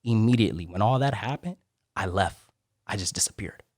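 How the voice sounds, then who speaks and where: A man's voice: lowish voice, lively intonation, brisk, no echo, studio quality. A man speaking as a guest on a podcast, earnest and heartfelt, opening up with plenty of emotion. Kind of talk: casual podcast interview. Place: podcast studio, in person with host. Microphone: studio microphone.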